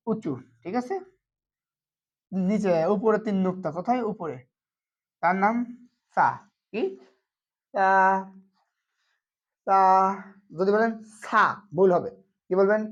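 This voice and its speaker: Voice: medium pitch, moderate pace, pauses often, darkish tone. A Quran reading teacher gives an online lesson on Arabic letters. The teacher talks patiently and repetitively, asks a question and answers it, and keeps checking that viewers are following. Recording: dull lo-fi recording.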